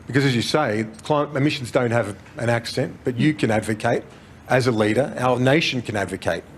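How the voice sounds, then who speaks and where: A man's voice: mid-range voice, brisk, a little hiss or hum. A man, a TV reporter asking a long, winding question at a press conference. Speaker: television news reporter.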